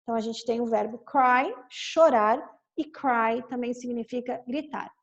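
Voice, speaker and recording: A woman's voice: a little high, unhurried, dull audio. A woman from Brazil, explaining an English story line by line in a patient, repetitive teaching manner. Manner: patient, explanatory, repeats phrases. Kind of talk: bilingual story-reading lesson.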